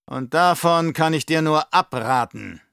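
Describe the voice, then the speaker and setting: A scheming old baron with a raised, forceful voice that drags its words out in slow mockery, as a male audiobook reader puts him on. The recording is dry and close. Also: fairly high pitch, gravelly, clean tone, no room sound, voice pushed up. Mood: menacing. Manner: slow, drawn-out, mocking delivery. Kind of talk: audiobook character voice.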